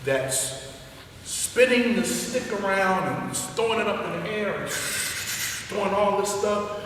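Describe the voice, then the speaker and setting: A man, a former police officer and karate student, telling a lively story and acting out the voices of the people in it. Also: sits high, takes it slowly. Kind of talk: animated storytelling. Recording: echoey hall, distant mic, noisy.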